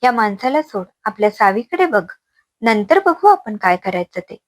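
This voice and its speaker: A woman voicing a young man, the heroine's cousin, who calms his aunt and firmly orders the husband out. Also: mid-range voice, moderate pace. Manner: firm, angry dismissal. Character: young male cousin, firm and protective.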